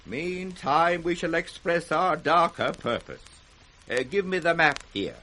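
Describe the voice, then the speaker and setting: An imperious aging king, declaims in a grand British accent. His voice is high for a man and ringing with forceful brightness. The delivery is classic 1960s radio Shakespeare, stately and commanding. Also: expressive, measured pace. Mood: regal, deliberate.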